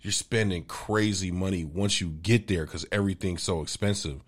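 A man's voice: sits low, moderate pace. A young man co-hosting a podcast, chatting casually in a slangy, joking way. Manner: slangy, joking, puts on voices for laughs. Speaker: podcast co-host. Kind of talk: casual chat.

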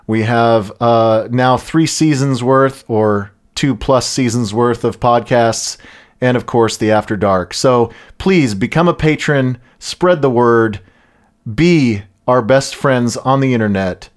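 A man hosting a casual podcast, loose and joking as he runs through the show's announcements. His voice sits in an ordinary middle pitch, and he scatters "uh" through his sentences. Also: slow. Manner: loose and jokey, with frequent "uh" fillers. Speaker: podcast host. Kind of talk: casual podcast chat and sponsor plugs.

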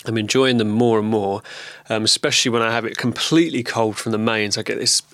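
A man with a lingering cold talks in a relaxed, rambling way, full of ums and restarts, as in a personal video diary. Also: lowish voice, brisk, no room sound. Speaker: vlogger.

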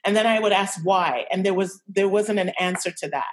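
A young adult woman telling a personal story as a podcast guest, reflective and halting, with many restarts. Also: medium pitch. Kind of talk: candid personal interview.

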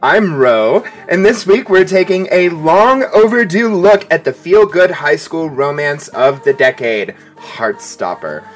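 Lively podcast host, a bit higher-pitched, playful, laughs often; faint music bed underneath. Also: male voice. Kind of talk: casual podcast chat.

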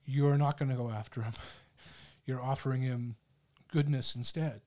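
Guy hosting a chat, thinking out loud, easygoing talk. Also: medium pitch, fairly even intonation, measured pace. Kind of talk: reflective casual chat.

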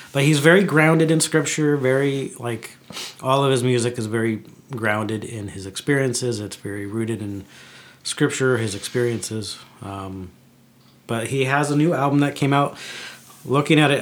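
A man co-hosting a podcast, explaining things in casual chat in a halting way. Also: mid-range voice. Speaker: podcast co-host.

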